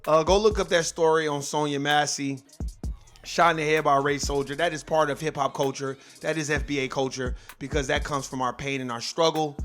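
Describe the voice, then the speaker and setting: A man, ranting straight to his viewers. His voice sits a little high and stays heated, emphatic and full of profanity. Faint music plays underneath. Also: fairly even intonation, fairly quick, a bit bright. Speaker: host. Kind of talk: casual rant to viewers.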